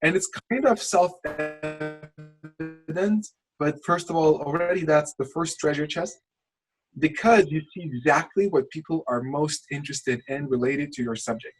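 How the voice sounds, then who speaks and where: In a low-quality recording with faint music behind him, a channel coach from Lithuania speaks at a measured pace in a fairly high voice. A non-native English speaker, he runs a casual screen-share coaching call, rambling with passion and frequently restarting.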